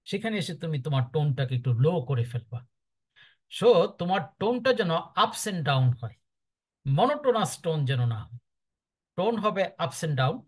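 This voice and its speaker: Bangladeshi guy teaching, firm and emphatic, voice jumps up and down a lot. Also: sits high. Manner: firm, instructive, lively emphatic delivery. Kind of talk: lecture advice to students.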